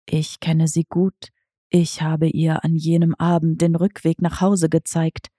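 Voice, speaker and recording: A woman reading an audiobook, voicing a calm, riddling male talking cat who speaks in gentle condescension. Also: low-pitched, measured pace, slightly rough, no room sound, studio quality, pitched below the performer's own voice. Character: cryptic, suave male talking tomcat.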